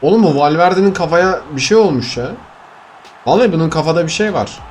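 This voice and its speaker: A man's voice: on the high side, lively intonation, quick pace, soft background music. A young man giving casual commentary on his own match, talking to viewers and swinging from frustrated mutters to outbursts. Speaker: gaming YouTuber. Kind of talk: casual live game commentary.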